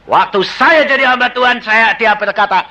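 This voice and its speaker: A man preaching a sermon as an evangelist, with a Javanese-tinged Indonesian accent, telling stories animatedly and swinging from loud exclamations to hushed lines. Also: extremely high pitch, normal speed. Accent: Javanese-influenced Indonesian.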